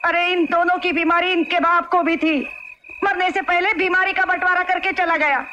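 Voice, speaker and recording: A woman's voice: very high-pitched, level tone, normal speed, bright, forceful tone. A complaining older mother. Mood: exasperated. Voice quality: complaining, exasperated. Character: exasperated older village mother. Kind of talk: 1990s comic film acting. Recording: dull film audio with hiss.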